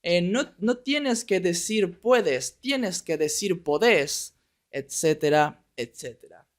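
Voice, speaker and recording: A young Argentine man with a high-pitched, expressive voice teaches Spanish on a podcast in a neutral Latin American accent. He speaks slowly, deliberately and clearly for learners, checking in with listeners by asking "¿ok?".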